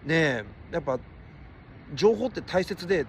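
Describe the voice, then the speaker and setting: A man chats loosely on a livestream, slightly high-pitched with a voice that swings widely up and down. He drifts between polite phrasing and blunt asides, and a faint hiss of noise sits under the recording. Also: lively intonation, measured pace. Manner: rambling, shifts between polite and blunt speech. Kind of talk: casual livestream talk.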